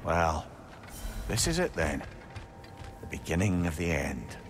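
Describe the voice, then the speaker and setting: An actor playing a wry, boastful old sage and loyal comrade in a video game, wordy and theatrical. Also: male voice, deep voice, sing-song, unhurried, very noisy. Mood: wry, resigned. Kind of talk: video game dramatic acting.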